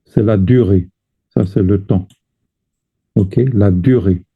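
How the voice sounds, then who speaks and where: A man teaching a chant lesson, explaining slowly and carefully and breaking off to sing short chant phrases. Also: lowish voice, breathy edge. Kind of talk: teaching lesson with sung examples. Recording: tinny phone-like sound.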